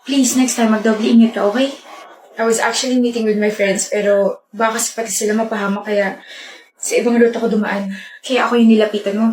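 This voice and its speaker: Woman, slightly high, lively skit lines, roomy echo, faint background noise. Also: brisk. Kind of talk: scripted comedy skits. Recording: echoey room with faint hum.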